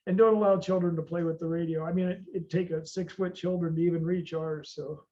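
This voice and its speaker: A man with a high-pitched American voice lectures informally to a class. He is folksy and rambles, drifting into hesitant asides. The recording is dull and lo-fi. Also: fairly even intonation, a little fast, mellow. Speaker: boating class instructor.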